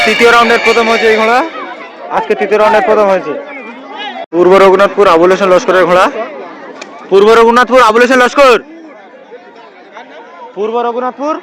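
High-pitched, fast-talking male race caller. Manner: repeats phrases, addresses viewers as friends. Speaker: race commentator and vlogger. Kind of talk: race caller style live commentary. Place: outdoors at a crowded village racing field. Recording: noisy outdoor field with loud crowd.

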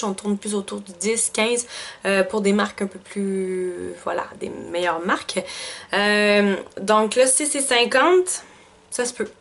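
A woman with a Quebec French accent chatting casually through a beauty box unboxing, thinking aloud with lots of fillers. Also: medium pitch. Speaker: beauty vlogger.

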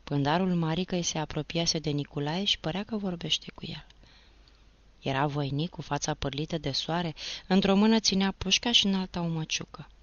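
A woman's voice: sits low, a bit bright, no echo. A woman from Romania narrating a novel as an audiobook, reading with dramatic expression, in a dull lo-fi recording.

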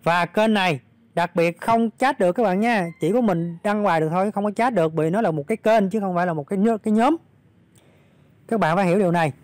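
A slightly hoarse man, talking viewers through updates in a casual, filler-heavy vlog. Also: high voice, quick pace, no echo. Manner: chatty, many fillers, addresses viewers directly. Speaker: crypto channel host. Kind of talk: casual screen walkthrough vlog.

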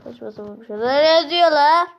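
A woman hosting a gaming channel, giving casual gameplay commentary, talking to herself with sudden excited outbursts and slangy restarts. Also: sits high, fairly quick, gravelly, muffled recording.

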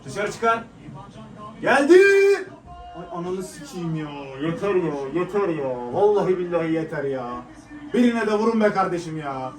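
A young man giving live reaction commentary on a match, frustrated and swearing as he shouts at the players. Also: sits high, animated, normal speed. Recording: echoey room, mic at a distance.

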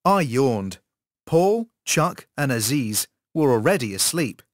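A man reads a textbook story aloud in scripted narration, slowly and with care. His intonation rises and falls in a lively way. The recording is dry and close, with no room sound. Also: mid-range voice, no echo. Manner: slow, careful reading with lively intonation. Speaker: English course narrator.

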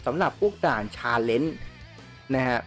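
A man giving casual gameplay commentary as a channel host, excitable and crude, often yelling at the game characters as they fight. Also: mid-range voice, slow, faint music behind.

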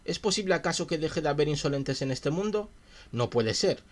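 A man with a fairly high pitch and lively intonation talks briskly on a casual livestream. He reads philosophy passages aloud and then turns to his chat, musing over them in a chatty, questioning way.

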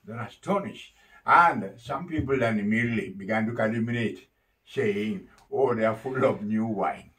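Animated preaching priest, a bit off-mic. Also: male voice, medium pitch, far from the mic, rough recording. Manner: animated, emphatic preaching with many fillers. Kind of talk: sermon.

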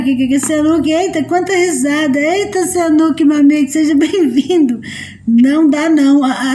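A woman's voice: dark tone, slight background noise. A Brazilian woman hosting a casual live stream, chatting with viewers and often breaking into laughter. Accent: Brazilian Portuguese. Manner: giggly, bursts into laughter often; sweet high baby-talk to a pet.

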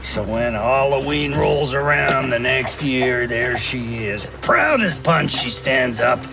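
An actor playing an aging grandfather in a game trailer, a weary, quietly determined survivor telling a story slowly. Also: medium pitch, animated. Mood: tender reminiscing. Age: older. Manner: slow, gravelly storytelling. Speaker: trailer narrator. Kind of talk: scripted game trailer monologue. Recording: voice over loud music and rain.

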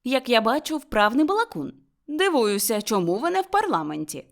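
A gruff, stingy old man snaps back curt, scornful replies, as a woman reader puts him on in a storybook. His voice rises and falls in lively swings. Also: on the high side, normal speed, voice pushed up. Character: grumpy miserly old man.

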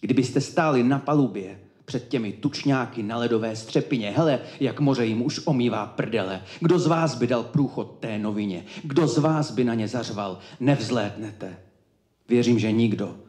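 Man declaiming slam poetry, roomy echo. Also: hardly any pauses. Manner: rhythmic rhyming declamation with dramatic swings in pitch and loudness. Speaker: slam poet. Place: live event room.

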